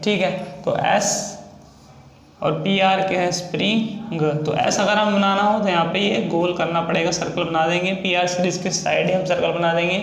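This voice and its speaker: A man's voice: high-pitched, creaky, roomy sound. A man teaching a shorthand lesson in a casual, repetitive style. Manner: explains slowly, repeats sounds and steps.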